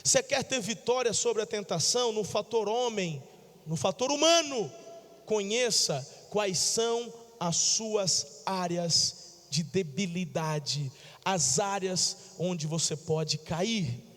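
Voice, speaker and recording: Brief: Brazilian pastor, very high voice, chatty sermon, echoing church. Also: male voice, expressive, takes it slowly, fairly bright tone. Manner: colloquial, jokey, addresses congregation directly. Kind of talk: sermon with storytelling. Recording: long church hall reverb.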